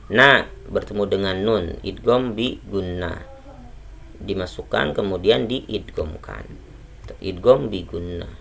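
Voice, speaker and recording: Slow gravelly male tajwid teacher. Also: low voice, sharp tone, slight background noise. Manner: slow, patient explaining, corrects common mistakes. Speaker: Quran recitation teacher. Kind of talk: tajwid lesson with recited examples.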